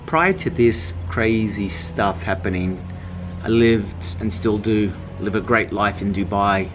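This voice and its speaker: A man's voice: on the low side, slow pace, over loud music. A man with an Australian accent, casually and frankly telling his own story as a vlogger, swearing freely. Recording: noisy with vehicle hum behind.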